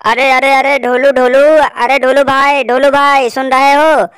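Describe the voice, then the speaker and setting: A woman's voice: sits high, level tone, measured pace, fairly bright tone, smooth, no echo, studio quality. A woman voicing a cheerful, welcoming male friend in a toy story.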